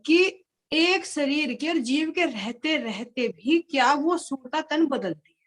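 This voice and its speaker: A woman explaining a devotional scripture point at length in an online group discussion, repeating quoted pleas for emphasis. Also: high-pitched. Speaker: discussion participant. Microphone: video call.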